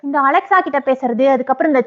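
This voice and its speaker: A woman's voice: sits high, fast, phone-quality sound. A young woman pranking her husband in a vlog, bossy and possessive, repeating orders over and over.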